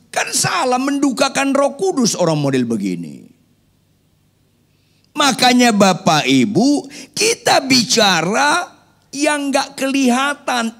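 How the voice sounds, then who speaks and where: A man's voice: very high voice, a bit bright. A man preaching a sermon, firing rhetorical questions at the congregation with playful joking asides. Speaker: pastor.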